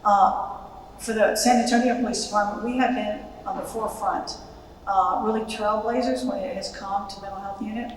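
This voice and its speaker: A woman's voice: medium pitch, fairly even intonation, moderate pace. An American woman speaking as a police official, giving a public presentation to an audience. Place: large reverberant event room. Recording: very echoey hall, distant, faint noise.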